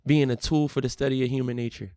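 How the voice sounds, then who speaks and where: A man's voice: medium pitch, fast talker, dry recording, clean studio sound. A young man telling stories with earnest feeling and quoting himself as he talks, in a casual podcast conversation. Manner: earnest, animated storytelling with acted quotes. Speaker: podcast guest.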